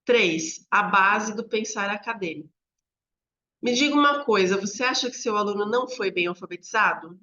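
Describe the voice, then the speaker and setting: A woman's voice: mid-range voice, expressive, normal speed, bright, forceful tone. Brazilian woman teacher trainer explaining. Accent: Brazilian Portuguese. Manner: conversational, explains step by step with frequent rhetorical "né?". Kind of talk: instructional talk to teachers. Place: home room near a street. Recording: slightly dull lo-fi audio.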